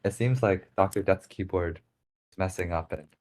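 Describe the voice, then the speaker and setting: A young male co-caster chats about the matches in an easygoing, joking tone. His voice is very deep and low. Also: moderate pace, darkish tone. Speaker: esports caster. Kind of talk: casual esports commentary chat.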